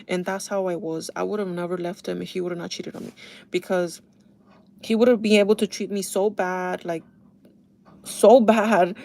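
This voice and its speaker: A beauty vlogger in her thirties does her makeup while chatting casually and confidingly, talking straight to her viewers. Her medium-pitched voice is gravelly yet mellow, with a little hiss or hum in the audio.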